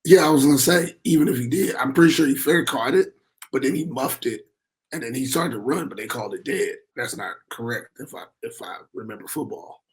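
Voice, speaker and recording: A man hosting a sports podcast, hoarse and straining because he has lost his voice. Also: medium pitch, fairly quick, rough recording. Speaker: podcast host.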